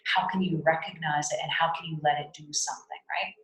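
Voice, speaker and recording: Low-voiced woman leading a spiritual talk. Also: steady tone, a little fast, fairly bright tone, roomy sound, poor audio. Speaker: spiritual workshop facilitator. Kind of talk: guided teaching on a video call. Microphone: video call.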